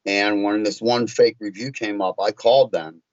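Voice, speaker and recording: A man from Virginia, a tint shop owner being interviewed on a podcast, talking in halting, restarting bursts as he tells stories. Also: on the low side, steady tone, dry recording, dull audio. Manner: halting, restarts often, storytelling.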